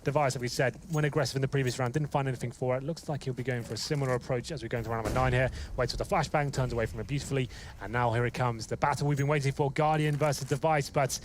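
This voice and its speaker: A man's voice: medium pitch, noisy background. A man commentating an esports match as a caster, giving flowing, analytical play-by-play.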